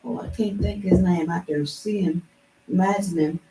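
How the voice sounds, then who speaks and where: An older woman talks in a loose, wandering way, doubling back and restarting her thoughts. Her voice is dark and mellow. She sits well away from the recorder in a reverberant room, with a faint hum of noise behind her. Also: on the low side, steady tone, normal speed. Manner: rambling, with frequent restarts and chuckles. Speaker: elder at a community heritage meeting. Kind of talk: casual reminiscing in a group. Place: indoor meeting room. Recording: roomy, from far off, faint background noise.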